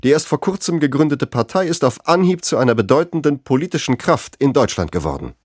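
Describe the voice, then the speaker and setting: A man's voice: mid-range voice, very animated, quick pace, no echo, studio quality, pitched above the performer's own voice. A man reading aloud as a flustered election-night TV moderator trying hard to keep his composure. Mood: stunned. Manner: strained, struggling for composure.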